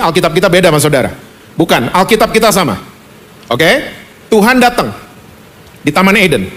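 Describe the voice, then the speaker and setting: A male pastor preaching a lively, conversational sermon at a church service, often asking the congregation questions. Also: high-pitched.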